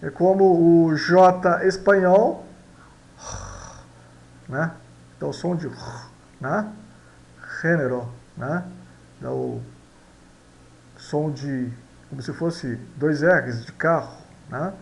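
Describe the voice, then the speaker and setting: A man's voice: on the high side, very slow, long pauses, darkish tone, a little hiss or hum. A man giving a recorded pronunciation lesson, patiently repeating each example word several times and checking in often with tag questions. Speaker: language teacher.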